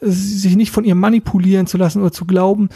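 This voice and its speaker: Male podcast coach, husky and mellow, casual and reflective, close dry mic. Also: high-pitched, little pitch movement, fast talker, no room sound. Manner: casual, thoughtful, addresses listener directly. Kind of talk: reflective self-help podcast talk.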